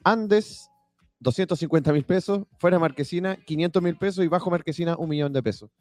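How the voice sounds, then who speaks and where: A man's voice: fairly high pitch, darkish tone, faint music behind. Chilean man reading out prices. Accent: Chilean Spanish. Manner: brisk, reads out figures with hesitations. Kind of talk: casual sports chat.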